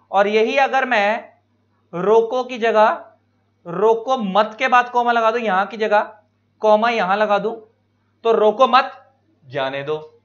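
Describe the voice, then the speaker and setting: An Indian man lecturing students, explaining each point slowly with examples and stretching key words. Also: high voice, a bit bright. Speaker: teacher. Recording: dull lo-fi recording.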